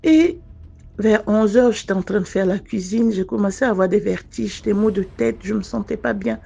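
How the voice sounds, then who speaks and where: Woman, medium pitch, casual first-person storytelling, earnest, hesitant, frequent restarts. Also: moderate pace, gravelly, mellow, breathy edge. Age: adult mother. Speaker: listener sharing a personal testimony.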